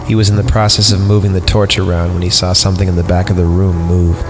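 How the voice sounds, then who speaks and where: Over background music, a man with a low, level voice reads a horror story quickly for his podcast. He mocks the creepypasta as he goes, sardonically voicing its punctuation and adding scornful asides.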